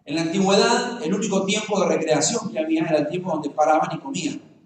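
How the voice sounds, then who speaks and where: A man's voice: fairly high pitch, fast talker, distant mic. A man with a Rioplatense Argentine accent preaching a sermon, joking and talking straight to the congregation. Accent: Rioplatense Spanish. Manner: humorous, conversational, addresses the congregation directly. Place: church hall. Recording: very echoey church, voice from afar.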